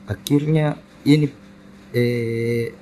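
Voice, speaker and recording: A man, retelling a hospital possession story in casual chat, animated, acting out the quoted dialogue. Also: mid-range voice, very slow, a little hiss or hum. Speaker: storyteller guest. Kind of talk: casual spoken ghost story.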